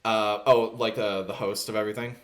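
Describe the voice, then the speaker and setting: A man running a tabletop game as game master, narrating in a rambling, relaxed way full of fillers. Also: on the low side, a little fast.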